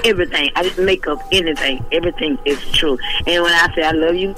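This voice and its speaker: Lady calling into a show, deep bright voice, really earnest and emphatic. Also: fast talker, faint music behind, poor audio. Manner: emphatic, earnest, repeats phrases. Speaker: caller to a live show. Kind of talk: earnest testimony on a call-in show.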